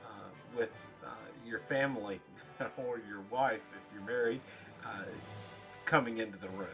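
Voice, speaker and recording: Man, casual reviewer, mid-pitched voice, halting rambling phrases, music behind. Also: fairly bright tone. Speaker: pipe tobacco reviewer. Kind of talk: casual spoken product review.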